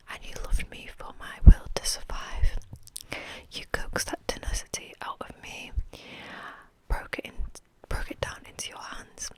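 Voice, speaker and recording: A woman hosting an ASMR channel, softly whispering as she chats and reads aloud from a book. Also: low-quality recording. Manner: soft unvoiced whispering throughout.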